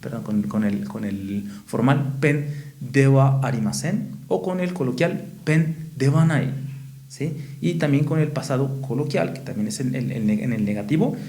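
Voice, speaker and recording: A Mexican-accented man teaching a casual video lesson, patient and repetitive, often checking in with a quick "¿sí?". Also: mid-range voice, warm tone, reverberant. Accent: Mexican Spanish. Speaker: Japanese teacher.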